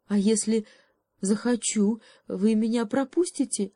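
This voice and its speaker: A woman's voice: mid-range voice, normal speed, mellow, slightly rough, dry recording, studio quality, pitched above the performer's own voice, natural voice. A woman voicing a timid, meek little male hare in a storybook reading, asking in a small pleading tone.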